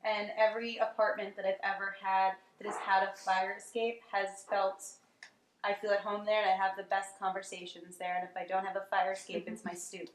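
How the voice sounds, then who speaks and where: A woman from Staten Island, New York, shares casually as a workshop participant, laughing, hesitating, and saying um a lot. Her mid-range voice is level and fairly quick, and the echoey room adds crowd noise to the recording.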